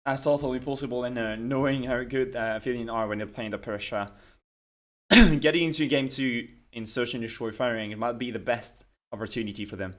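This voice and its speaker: A man with a French accent co-casting a live match, chatty, with hesitant fillers and throat clearing. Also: mid-range voice, fairly quick. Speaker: esports co-caster. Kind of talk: live game commentary.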